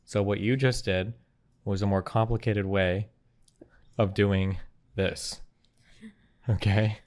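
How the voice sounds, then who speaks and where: A man's voice: on the low side, steady tone, takes it slowly, a little mellow. A man hosting a casual debate stream, teasing, sarcastic and blunt. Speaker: streamer host.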